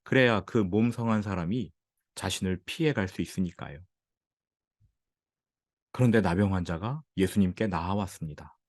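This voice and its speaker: A man preaching as a pastor, acting out the lines of the people in his story with lively emphasis. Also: low voice, normal speed, long pauses, no room sound, clean studio sound. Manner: animated preaching, acting out quoted speech. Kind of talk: sermon.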